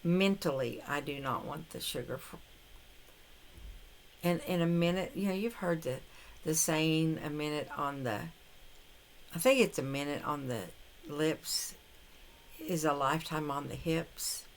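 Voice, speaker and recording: Slow, low-voiced older woman with a gravelly edge. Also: a little hiss or hum. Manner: rambling, hesitant, with many restarts. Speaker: vlogger on a carnivore diet challenge. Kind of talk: casual talking-to-camera vlog.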